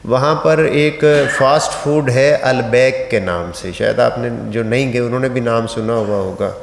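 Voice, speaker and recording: A man's voice: mid-range voice, slight background noise. A man from Pakistan with a Pakistani accent, giving a religious training lecture on pilgrimage rites, instructive and mixed with light humorous stories. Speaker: Hajj trainer. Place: large mosque hall. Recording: echoey reverberant mosque hall.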